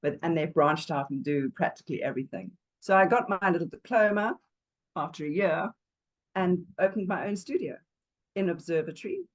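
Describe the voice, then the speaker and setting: A woman's voice: fairly low pitch, brisk, muffled recording. A woman in her sixties from Zambia, a yoga teacher telling her life story as an interview guest in a chatty, wandering way, sometimes searching for words. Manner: chatty and digressive, warm laughs, searches for words.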